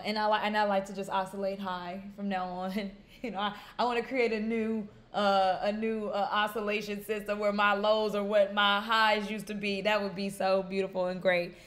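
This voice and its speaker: A middle-aged woman hosting a casual news livestream, chatty and laughing, rising into loud excited rants. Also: mid-range voice, moderate pace, hardly any pauses. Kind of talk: casual live-stream commentary.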